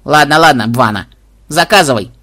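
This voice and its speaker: A man's voice: medium pitch, lively intonation, normal speed, bright, forceful tone. A man reading an audiobook and voicing a rude, sarcastic talking parrot that serves as a game archive. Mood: snappish. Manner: snarky, insolent, snapping.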